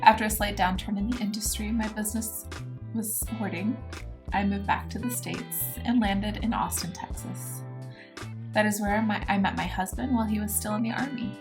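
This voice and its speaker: A woman in her thirties narrates her home project in a steady, matter-of-fact voice-over, her pitch sitting in an ordinary middle range. Guitar music plays clearly behind her the whole time. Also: normal speed. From Norway. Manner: plain, matter-of-fact storytelling. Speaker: DIY vlogger. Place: voice-over, not recorded on site.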